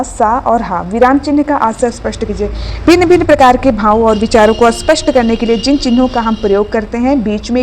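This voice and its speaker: A woman's voice: on the high side, slight background noise. A woman teaching an online exam revision class, reading out each question and then giving the answer. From India.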